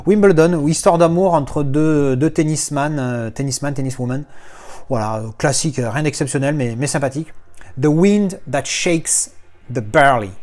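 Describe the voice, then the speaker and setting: A man walking through his film collection in a casual, enthusiastic, rambling way, often restarting his sentences. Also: medium pitch. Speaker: video reviewer.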